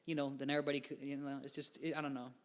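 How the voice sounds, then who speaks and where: A young man in his twenties, a musician appearing as a podcast guest, speaks in a mid-range voice with little pitch movement and a rapid-fire pace. He rambles casually, loading his talk with fillers and laid-back slang.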